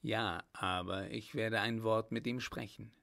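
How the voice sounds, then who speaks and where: A man's voice: fairly low pitch, fairly even intonation, unhurried, vocal fry, fairly bright tone. A man voicing a brave, ardent young male lieutenant with a firm, earnest manner. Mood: resolute.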